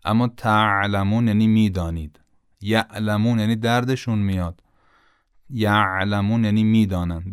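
A man giving a patient pronunciation lesson for Quran recitation, slowly drawing out sounds to demonstrate them. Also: on the low side, a little mellow, clear, resonant tone, no echo, studio quality.

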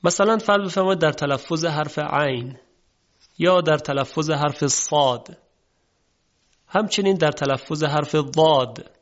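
A man whose first language is Persian teaches Quran recitation in a measured way, demonstrating Arabic vowel sounds. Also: fairly high pitch. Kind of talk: spoken lesson on Quranic pronunciation. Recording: dull lo-fi recording.

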